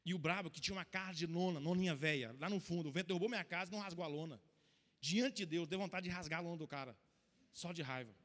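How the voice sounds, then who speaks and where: A Brazilian pastor preaching a sermon, telling his own story with emotional, emphatic swings in volume. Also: fairly high pitch. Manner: emotional storytelling preacher, rising to loud, slow emphatic lines. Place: church hall. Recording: long church-hall reverb.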